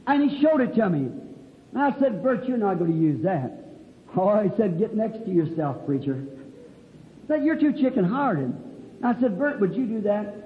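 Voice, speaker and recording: Preacher guy telling a story, real high voice, dull old recording. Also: sing-song, moderate pace, echoey room, long reverb tail. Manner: folksy storytelling, rural dialect grammar. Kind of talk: sermon with a told story.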